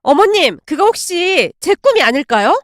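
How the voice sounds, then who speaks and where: A shameless young daughter-in-law, put on by a woman storyteller, wheedles and pleads in a high, bouncy voice. She sounds pushy and whiny. The recording is dry and close. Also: big pitch swings, normal speed, fairly bright tone, no echo, full character voice. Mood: wheedling.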